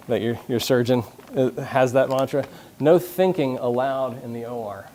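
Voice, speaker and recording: A man's voice: mid-range voice, mellow. Chatty man giving a conference talk. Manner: conversational, jokey, many restarts, asks the audience questions. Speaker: conference speaker on leadership. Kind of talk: live conference talk to an audience. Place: conference room with a live audience.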